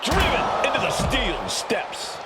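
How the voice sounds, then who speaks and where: A man's voice: very high voice, big pitch swings, unhurried. A man working as a wrestling commentator, calling play-by-play in a dramatic, exclamatory manner. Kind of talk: excited wrestling match commentary. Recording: loud crowd and arena noise behind.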